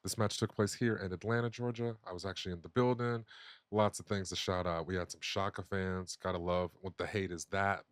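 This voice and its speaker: A man's voice: low voice, fairly quick, dry recording. Chatty man hosting a soccer podcast, dry sound. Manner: animated, opinionated, loose with fillers and restarts. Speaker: podcast host. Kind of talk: casual sports chat.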